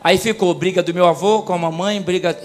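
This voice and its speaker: A man preaching a sermon as a pastor, telling stories and swinging from soft talk to loud preaching. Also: high-pitched, steady tone, a little fast. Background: music.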